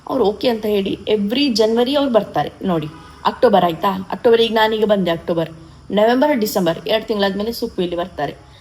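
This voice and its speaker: A woman's voice: medium pitch, fairly quick, a little mellow, rough recording. A woman, chatting emotionally to camera in a casual vlog, with many restarts. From coastal Karnataka, India. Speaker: vlogger.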